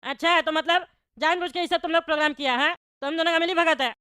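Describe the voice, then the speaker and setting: Woman playing a bald cartoon politician, male, hot-tempered, high bright voice, fast, dry. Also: no echo. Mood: scolding. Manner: scolding, quarrelsome, quick retorts. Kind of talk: cartoon voice acting.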